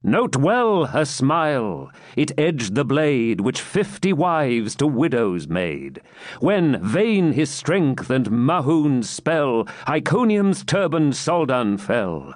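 A man's voice: medium pitch, big pitch swings, slow, dry recording, clean studio sound. A man reading the part of a courtly knight, earnest and formal. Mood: ardent.

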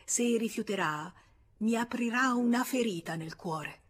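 A woman's voice: on the high side, animated, unhurried, slightly rough, pitched above the performer's own voice. A woman reading an audiobook, voicing an ardent young man who pleads passionately and insistently. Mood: pleading.

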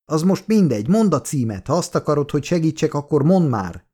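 A man voicing a wounded young man who speaks in a hurried, pressing way and shouts his demands. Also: medium pitch, sing-song. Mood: frantic.

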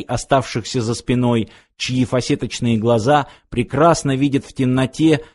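A man narrating an action novel aloud, steady and measured in his reading. His voice sits at a middle pitch for a man, even and unhurried. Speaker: audiobook narrator. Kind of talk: scripted narration.

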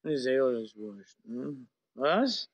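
A man's voice: medium pitch, sing-song, takes it slowly, breathy edge, heavily acted. A man playing a drunken, boastful, corrupt Austrian lieutenant colonel, slurring and repeating himself like a town drunk in a satirical reading. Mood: boastful drunken rambling. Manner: slurred, rambling town-drunk babble, repeating and breaking off words.

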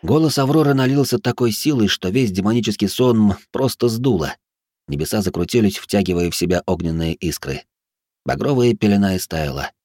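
Male audiobook narrator, low voice, dramatic delivery, dry close mic. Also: brisk, no echo. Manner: dramatic, expressive reading. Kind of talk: scripted narration.

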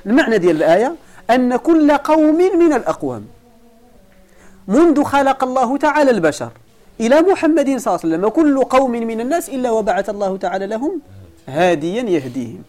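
A man's voice: sits high, darkish tone. A man with a Moroccan accent teaching a lesson, explaining a text step by step and putting questions to his students. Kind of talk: lesson commentary.

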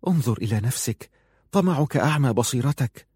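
A man's voice: mid-range voice, animated, fairly quick, a little mellow, husky, no echo, clean studio sound, pitched above the performer's own voice. Man doing a worried big brother, pleading, voice a bit raised, storybook. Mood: reproachful. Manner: urgent and pleading. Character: anxious older brother, pleading.

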